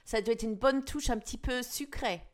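A woman's voice: on the high side, moderate pace. A woman hosting a casual cooking chat, explaining a dish in a chatty way with frequent fillers. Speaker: host.

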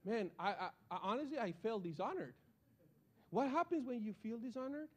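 A man with a notably high voice preaches to his congregation. He is a middle-aged pastor who tells personal stories with animation and often restarts his sentences as he goes. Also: fairly quick. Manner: animated storytelling with frequent restarts.

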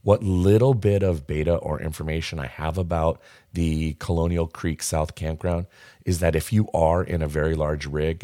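Very deep-voiced man giving camping tips. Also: mellow, no room sound, clean studio sound. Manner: friendly, practical, lists tips with fillers. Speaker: travel and camping guide. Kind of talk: casual travel itinerary talk.

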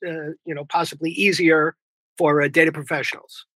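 A podcast host from New York with a bright, tense, fairly high voice. He asks his questions casually and fills the gaps with fillers, and the recording is dry and close. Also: little pitch movement, fairly quick, breathy edge, no room sound. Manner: conversational, many fillers. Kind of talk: podcast interview.

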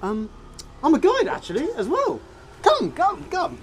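Man doing a high, lively, eager shopkeeper who keeps beckoning you along. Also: a little fast, background noise. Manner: eager, repeating beckoning words. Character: eager helpful male shopkeeper.

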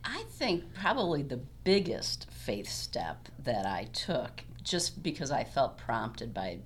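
A woman's voice: rumbling low, very animated, slow pace, slight background noise. A woman in her sixties, a podcast guest, telling stories in reflective, casual conversation.

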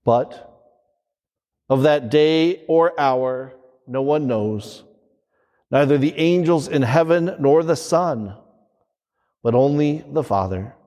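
A priest reading the Gospel and preaching in a slow, measured liturgical manner, his voice carrying a long cathedral-like echo. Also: on the high side, expressive, warm tone. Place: large church. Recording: church hall with long reverb.

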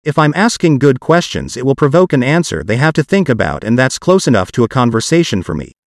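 Here the podcast host is a man's machine-made voice resembling an old speech synthesizer, narrating a script in a flat, evenly articulated manner. A mid-range, sing-song voice moves a little fast over a clean, dry studio recording.

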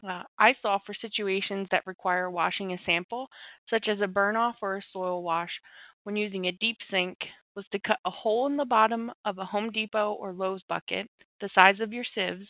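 A woman guest reading prepared tips in a clear, steady way. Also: mid-range voice, no echo. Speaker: staff guest sharing tips. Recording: dry, tinny, phone-like line.

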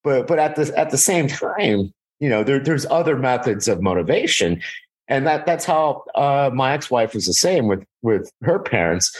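Halting, stammering man in his forties. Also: medium pitch, lively intonation. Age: 40s. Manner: halting, many restarts and repeated words. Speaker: podcast guest, author. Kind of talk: casual conversation.

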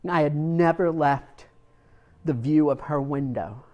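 Slow-spoken earnest preacher man. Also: a little high, warm tone. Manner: storytelling, earnest, repeats words when moved. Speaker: pastor. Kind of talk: sermon.

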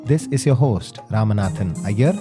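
A man's voice: fairly low pitch, lively intonation, normal speed, over music. A man with a South Indian accent who hosts and tells stories in Indian English phrasing. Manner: uses Tamil words and Indian English phrasing. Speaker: host and storyteller. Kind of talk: scripted storytelling and playful family dialogue.

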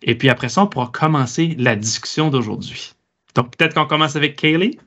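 A man hosting a discussion, asking students measured, inviting questions. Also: fairly high pitch, fairly bright tone. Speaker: host. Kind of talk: hosted discussion. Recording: dull lo-fi sound.

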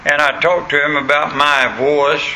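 Male preacher, rural American accent, plain country diction. Very bright, hard-edged, slightly high voice, folksy sermon delivery. Noisy recording. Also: little pitch movement, a little slow. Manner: folksy, punctuates points with questions to listeners. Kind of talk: sermon with anecdotes and scripture reading.

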